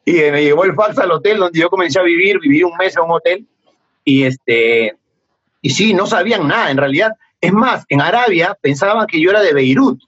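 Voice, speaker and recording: Husky, animated Peruvian man telling stories. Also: high-pitched, a little fast. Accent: Peruvian Spanish. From Peru. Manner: animated, laughs often, acts out remembered dialogue. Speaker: guest, former footballer. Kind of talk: casual storytelling interview. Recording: dull lo-fi podcast audio.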